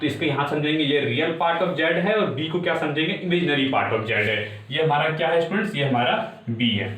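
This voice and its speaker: A man's voice: a little high, normal speed, fairly bright tone. A male maths teacher giving a video lesson, constantly addressing the students and asking if they understand. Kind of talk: classroom-style video lesson. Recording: echoey room, distant mic, faint noise.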